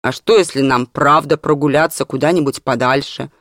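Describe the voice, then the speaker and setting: An audiobook reader voicing a lively, playful young girl. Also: medium pitch, moderate pace, no room sound, studio quality, natural voice.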